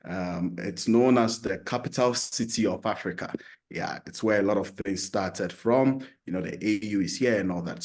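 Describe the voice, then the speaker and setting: A man from Ghana hosting an online entrepreneurship forum over a video call, energetic and encouraging, talking in a chatty way with restarts. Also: on the low side. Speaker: host.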